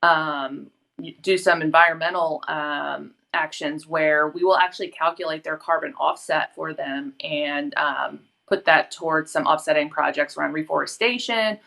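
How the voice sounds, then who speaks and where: A woman guest on a business talk show, explaining features in a measured way with frequent pauses. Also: sits low, gravelly, pushed and bright. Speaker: company guest. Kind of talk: interview answer.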